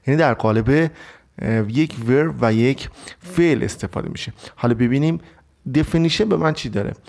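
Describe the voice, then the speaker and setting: A male teacher gives a recorded vocabulary lesson. His voice moves up and down freely as he explains each word step by step, and he slows right down to read the English examples. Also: a little high, creaky, darkish tone.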